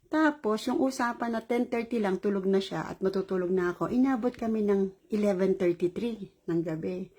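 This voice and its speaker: Middle-aged woman, caregiver type, exhausted; husky and mellow, chatty rambling vlog delivery. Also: mid-range voice, moderate pace. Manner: rambling, animated retelling with laughs. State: tired after a long shift. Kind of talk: casual vlog storytelling.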